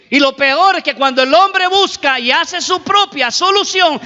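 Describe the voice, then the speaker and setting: A man's voice: extremely high pitch, pushed and bright. Man, pastor, emphatic sermon, echoing hall, dull lo-fi recording. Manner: emphatic, repeats and stretches key words. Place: church hall.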